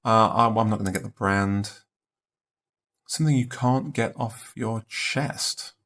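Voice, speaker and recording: Low gravelly man musing over a puzzle. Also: a bit bright. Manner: musing, unhurried, trailing off in half-spoken guesses. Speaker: let's play host. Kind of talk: thinking-aloud puzzle commentary.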